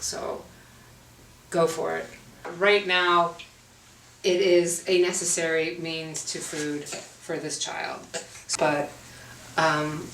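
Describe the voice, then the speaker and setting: A woman in her thirties chatting casually and relaxed, with many fillers. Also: low-pitched, creaky. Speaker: interviewee. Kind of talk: casual interview talk. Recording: echoey room from a distance, faint noise.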